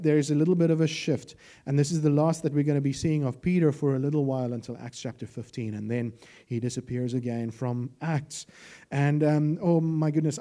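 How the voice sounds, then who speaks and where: Joking preacher with a mellow voice. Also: male voice, fairly high pitch. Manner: lively, joking, animated asides. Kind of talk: sermon.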